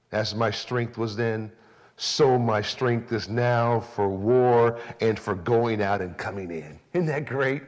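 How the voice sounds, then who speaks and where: In this sermon, a man who is a pastor shifts from hushed, low emphasis up to raised, fervent lines, sometimes taking on a biblical speaker's voice in the first person.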